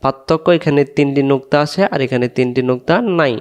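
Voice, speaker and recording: A man's voice: mid-range voice, fairly even intonation, quick pace, darkish tone. A man teaching Arabic letter pronunciation for Quran reading, patiently drilling syllables and asking learners to repeat after him. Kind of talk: slow letter-by-letter recitation lesson.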